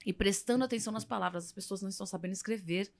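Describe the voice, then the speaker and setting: A woman with a Brazilian Portuguese accent, a therapist talking in a casual podcast conversation, direct and animated, often acting out the people she quotes. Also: medium pitch, racing, vocal fry. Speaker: therapist guest.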